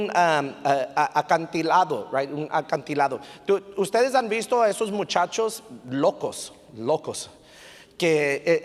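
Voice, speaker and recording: A man preaching a sermon as pastor, telling stories in an animated way and sprinkling English fillers into his talk. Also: a little high. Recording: long reverb of a church hall.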